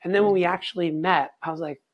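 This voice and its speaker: A man hosting an interview, animated and casual, piling up fillers as he talks. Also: high voice, fast talker, lo-fi sound. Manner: animated, filler-heavy, says "like" a lot. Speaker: podcast host.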